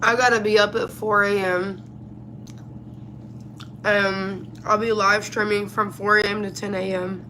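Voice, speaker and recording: A woman's voice: mid-range voice, level tone, a little slow, long pauses, pushed and bright, slight background noise, low-quality recording. A tired woman talking casually on a livestream while she eats, answering questions, her mouth sometimes full. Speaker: live streamer.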